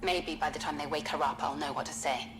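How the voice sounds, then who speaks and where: Somber grieving colonist. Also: female voice, sits low, steady tone, fast. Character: grieving woman colonist recording a log. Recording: game audio log with music behind.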